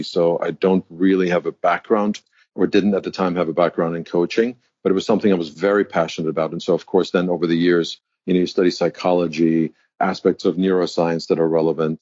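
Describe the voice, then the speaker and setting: In this interview conversation, a fifty-something German executive coach reflects articulately on his own story. He has a deep, slightly mellow voice, captured in a dry, dull recording.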